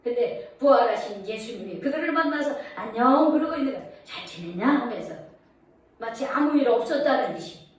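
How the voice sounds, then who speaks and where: High-voiced woman preaching in echoey hall. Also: expressive, a little fast. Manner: questions to the listeners, storytelling. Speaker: pastor. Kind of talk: sermon retelling a Bible story. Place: church. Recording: echoey church hall, far from mic.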